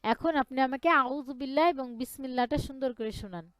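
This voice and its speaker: A woman's voice: sits high, fairly quick, fairly bright tone, clear, resonant tone, no echo, clean studio sound. A woman teaching Quran reading in an online lesson, patiently spelling out each syllable and having the student repeat after her.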